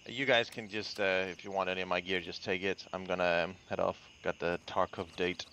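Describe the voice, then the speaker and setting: A man's voice: deep voice, flat delivery, a little fast, pushed and bright, a little hiss or hum. A man chatting easygoing with teammates during a game. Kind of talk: casual gaming chat.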